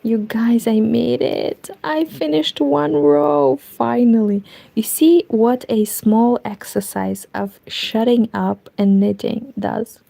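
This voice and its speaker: Knitting on her stream in a home room hung with curtains, a woman with a Romanian accent rambles to viewers, mutters to herself, and keeps drifting into whispers. Her voice sits a little high, slow and creaky yet mellow, with lively intonation.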